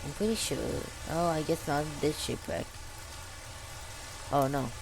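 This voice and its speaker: A young female vlogger with a low voice and a slow pace. She talks casually and without a script, rambling through slang and stumbling over words. Her R sounds come out as W, a clear speech impediment. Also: animated, rough recording. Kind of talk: casual unscripted life-story chat over gameplay.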